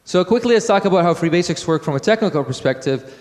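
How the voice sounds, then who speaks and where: A man from Iraq giving a technical conference talk, halting with fillers and restarts. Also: high voice, animated, a little mellow. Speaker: conference speaker. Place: conference hall. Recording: hall with long reverb.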